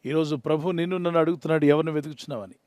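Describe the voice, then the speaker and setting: A man preaching a sermon in an earnest, measured way, slowing down for emphasis and quoting scripture. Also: a little high, steady tone, darkish tone, no room sound, clean studio sound. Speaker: pastor.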